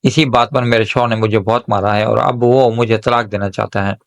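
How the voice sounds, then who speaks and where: A man's voice: lowish voice, steady tone, vocal fry, no echo. A man voicing a desperate young married woman who pleads with her sister for help in a spoken story. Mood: pleading.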